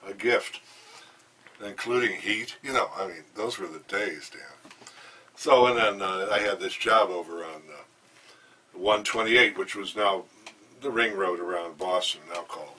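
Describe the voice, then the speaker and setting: A man's voice: deep voice, measured pace, bright, forceful tone, breathy edge. An older man being interviewed, telling rambling anecdotes with enthusiasm and plenty of fillers, in a hotel room. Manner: enthusiastic, meandering, many fillers. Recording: distant mic, faint background noise.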